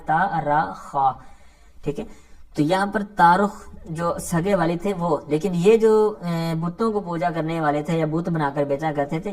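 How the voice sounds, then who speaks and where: A male religious studies teacher giving an Arabic grammar lecture. He explains one point at a time and keeps checking in with his listeners. He recites scripture verses slowly and deliberately. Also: fairly high pitch, darkish tone. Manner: keeps checking in with "theek hai" between points.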